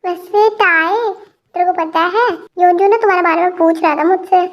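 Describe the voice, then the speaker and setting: A woman's voice: very high voice, normal speed, muffled recording. A woman voicing a cheeky, gossipy young college student friend in a read-aloud fan story. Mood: teasing. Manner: teasing, gossipy.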